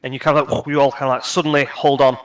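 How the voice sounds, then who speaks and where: Smooth-voiced man running a tabletop game. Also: mid-range voice, level tone, a bit bright, poor audio. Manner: halting, many fillers and restarts. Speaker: game master.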